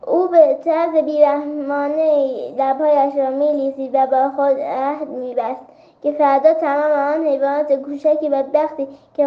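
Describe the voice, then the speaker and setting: A woman reading a fable aloud to children in a gentle storybook manner. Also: high-pitched. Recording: roomy, slightly dull recording.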